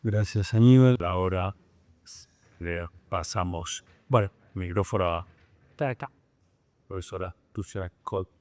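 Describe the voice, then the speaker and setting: Very deep-voiced man moderating a panel. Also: unhurried, a little mellow, a little hiss or hum. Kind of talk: handing over the floor.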